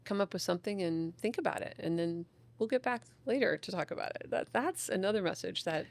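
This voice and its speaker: Gravelly and mid-range, this woman's voice moves a little fast as she talks on a relaxed podcast. She's a child psychologist and an eager, lively storyteller, acting out whoever she's quoting.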